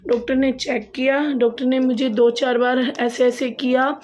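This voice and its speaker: A woman's voice: high-pitched, little pitch movement, moderate pace, darkish tone. Chatty young woman recounting a story. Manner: chatty, repeats phrases for emphasis, laughs at herself. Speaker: vlogger. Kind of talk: casual storytelling to camera.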